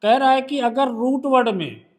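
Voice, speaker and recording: A man's voice: extremely high pitch, normal speed. A male shorthand teacher with a Hindi accent, patiently quizzing a student during one-on-one tutoring.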